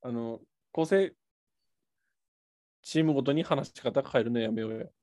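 A man's voice: mid-range voice, normal speed, mellow, dry recording. A young man from Miyazaki speaking in Miyazaki dialect, chatting with dry, joking asides as a podcast co-host. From Miyazaki, Japan. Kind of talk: casual chat.

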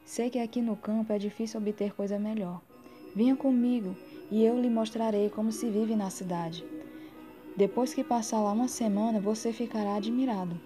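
A woman's voice: on the high side, fairly even intonation, moderate pace, lightly acted. A snobbish city mouse from a fable, talking down to his cousin, as a woman reader puts him on. It sounds much like her plain reading voice, with music behind. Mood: snooty. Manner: condescending.

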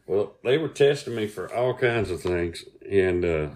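A man's voice: sits low, lively intonation, unhurried, a little mellow. A middle-aged man with a Southern US accent, telling comic stories casually as a podcast co-host.

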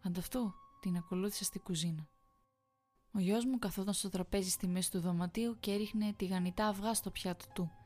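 A woman's voice: medium pitch, fairly even intonation, darkish tone, faint music behind. Woman narrating a horror story.

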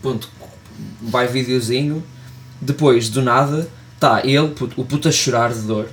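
A man with a European Portuguese accent chatting on a comedy podcast, loose and full of slang. He slips into quick impressions of the people he describes. His voice sits at a middle pitch, with a faint hiss of noise behind it. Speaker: podcast co-host. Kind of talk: casual comedic chat.

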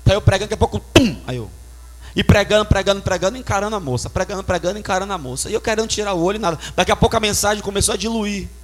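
A man's voice: high-pitched, very fast. A man preaching a sermon, emphatic and storytelling with sound effects. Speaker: pastor.

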